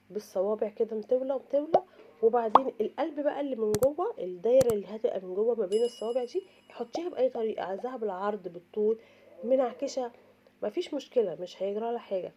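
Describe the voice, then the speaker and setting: Fast-talking Egyptian woman, slightly tired voice. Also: on the high side, mellow, dull audio, a little hiss or hum. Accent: Egyptian Arabic. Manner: chatty, repeats and emphasizes points, addresses viewers directly. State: slightly tired voice from oncoming cold. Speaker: home cooking show host. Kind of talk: informal step-by-step cooking tutorial.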